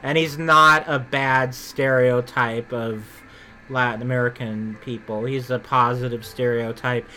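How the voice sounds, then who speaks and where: This man co-hosts a podcast, rambling casually about theme park attractions and frequently fixing what he says mid-sentence. His medium-pitched voice is bright and forceful, with fairly even intonation and a slightly slow pace. A little hiss or hum can be heard.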